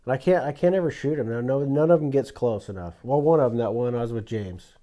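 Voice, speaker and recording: A man's voice: mid-range voice, fast, dark tone. A man telling a hunting story in casual podcast chat, acting out the lines he quotes. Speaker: guest telling hunting stories.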